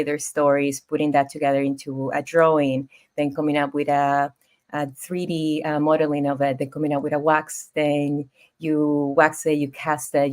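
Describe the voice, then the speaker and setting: A low-pitched woman in her thirties from Ecuador, with a Spanish accent, shares her story as a podcast guest. Her casual interview storytelling is expressive and easygoing.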